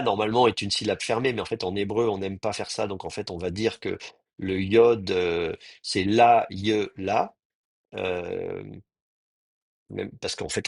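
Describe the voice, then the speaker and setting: Male teacher, low husky voice, hesitant thinking-aloud delivery, dry close mic. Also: no room sound. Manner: hesitant, thinking aloud with many pauses and restarts. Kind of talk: live online class lecture.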